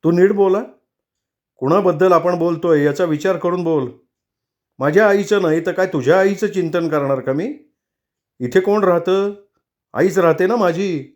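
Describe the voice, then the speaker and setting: A curt, stubborn young husband snaps in a raised, sharp voice, as a male storyteller puts him on. The voice sits well above the reader's own. Heard in a novel being read aloud. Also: sits high, brisk, voice pushed up, lightly acted. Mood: angry.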